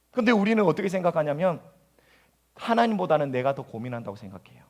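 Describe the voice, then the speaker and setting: A male pastor preaching a sermon in a church, acting out anguished prayers in a voice that jumps higher. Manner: acts out anguished prayers in a high voice. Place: church sanctuary.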